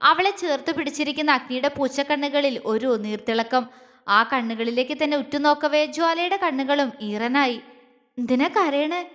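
A woman storyteller giving emotive, measured audiobook narration of a romance. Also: high-pitched, fairly bright tone, in a large hall.

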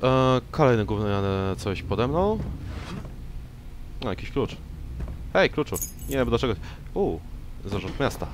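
A young man giving casual, joking commentary while he plays a game, talking to its characters and breaking into loud excited yelps. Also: medium pitch, takes it slowly, long pauses. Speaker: gameplay commentator. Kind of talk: casual let's-play commentary. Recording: old mic with clear background noise.

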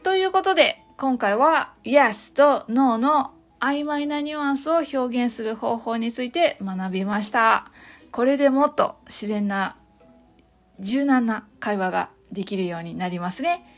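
A woman with a fairly high voice hosts a solo English lesson. She speaks, explains cheerfully and slowly models each phrase, and soft music plays behind her. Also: animated. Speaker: English teacher, podcast host. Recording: light background music.

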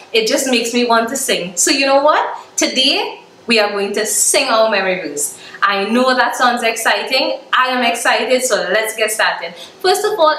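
A young woman with a slightly high voice leads a children's Sunday school lesson in a cheerful, encouraging way. The sound is roomy and echoey. She sits some distance from the microphone. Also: sharp tone, a little hiss or hum. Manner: upbeat and encouraging. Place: studio with green screen. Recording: roomy echo, mic at a distance.

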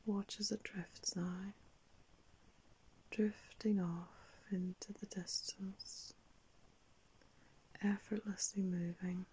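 An older woman narrating a guided meditation like a sleep story, in a soft, breathy whisper, calm and unhurried with long pauses. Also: mid-range voice, rough recording. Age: older, around 60s. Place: small indoor room.

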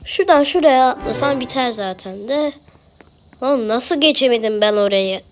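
Speaking at a moderate pace, this gameplay streamer has a voice on the high side and an animated delivery. She has a Turkish accent and mutters complaints to herself as she plays, keeping up a casual running commentary.

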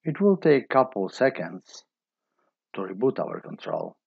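A man with a low, gravelly and slightly husky voice walks through a technical setup step by step. The recording is dry and a little dull, like a plain voice-over. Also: unhurried, no echo. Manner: steady step-by-step explaining. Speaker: instructor.

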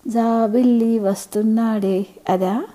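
A woman voicing a gentle, lonely single woman in her fifties in a storybook reading, soft-spoken and wistful. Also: fairly high pitch, steady tone, slow.

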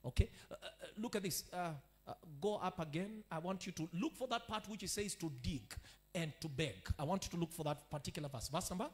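A pastor with a Kenyan accent and a high-pitched, brisk voice preaches a sermon, moving from quiet teaching to shouted declarations and calling for amen.

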